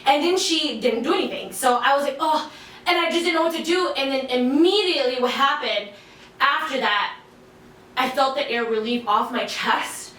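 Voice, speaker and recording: A young adult woman co-hosting a podcast, telling a story in a casual, animated way, with lots of fillers and swearing. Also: high-pitched, moderate pace, a little hiss or hum. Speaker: podcast co-host. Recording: echoey room, distant mic.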